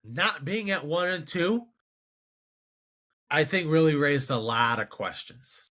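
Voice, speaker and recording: A man's voice: fairly high pitch, slow, sharp tone. A man hosting a casual sports commentary show, rambling and incredulous as he talks to himself. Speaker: show host.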